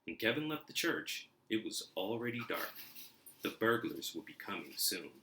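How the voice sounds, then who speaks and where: A man reading a children's storybook aloud in an expressive, deliberate narrating style. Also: on the low side, a little hiss or hum, rough recording. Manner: expressive, deliberate, acts out sounds. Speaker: storybook reader.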